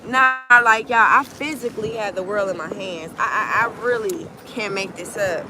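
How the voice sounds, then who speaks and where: A woman giving a casual, animated tarot reading outdoors by the water into a phone camera, swinging between hushed and loud. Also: medium pitch, normal speed, loud music behind the voice. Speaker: tarot reader. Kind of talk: casual emotional tarot vlog.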